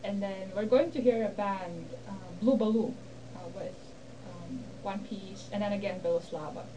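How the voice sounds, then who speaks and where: A woman from Bulgaria with a Bulgarian accent, a guest scholar explaining music in a measured way on a radio interview. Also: medium pitch, dark tone, slight background noise, poor audio. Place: radio studio.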